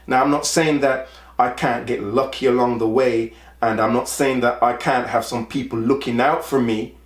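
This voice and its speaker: A man's voice: medium pitch, reverberant. A man in his forties from Jamaica, talking earnestly about his own life and often repeating words as he presses a point. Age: 40s. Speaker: podcast host. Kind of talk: personal monologue.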